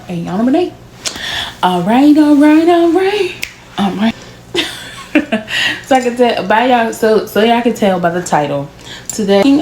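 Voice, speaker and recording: A woman in her late twenties chatting casually to camera as a vlogger, with drawn-out words and laughs. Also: on the high side, warm tone. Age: 20s. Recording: echoey room with faint music.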